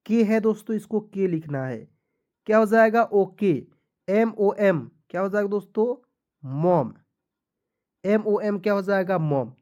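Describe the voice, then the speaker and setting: A man's voice: sits high, a little mellow, highs cut off. A man giving a spoken lesson for beginners, asking questions and answering them himself while spelling words letter by letter. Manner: patient, repetitive explaining. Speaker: English teacher.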